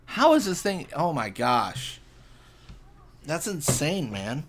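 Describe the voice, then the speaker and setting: A man's voice: a little high, big pitch swings, slow, noisy background. A young man casually chatting and reacting while streaming a fishing game, laid-back and rambling as he answers chat.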